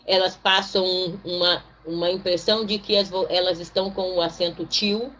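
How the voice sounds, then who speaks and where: A low-voiced woman teaches a recorded online lesson, slowing down to spell out each example word. She keeps checking in with her pupils as she explains. The recording sounds dull and lo-fi, with a faint hiss underneath. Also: steady tone, fairly bright tone. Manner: slows down to spell out example words one by one.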